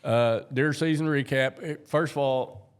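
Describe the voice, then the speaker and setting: A man's voice: medium pitch, measured pace, clean tone. A man, a basketball coach chatting casually and telling stories, repeating words as he goes. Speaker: basketball coach and podcast co-host. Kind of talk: casual chat.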